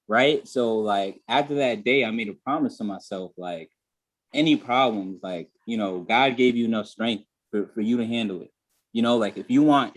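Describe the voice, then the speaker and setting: A man speaks on a group video call in a candid, reflective way. He circles back often with "you know" and "I mean" as he tells a personal story through a call microphone. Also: fairly low pitch. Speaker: guest.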